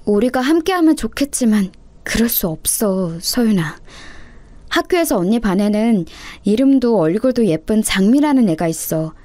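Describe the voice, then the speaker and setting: A woman's voice: on the high side, expressive, moderate pace, dry recording, close to an everyday voice. A woman voicing an earnest orphan girl who firmly comforts and lectures her little sister. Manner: firm, gently scolding.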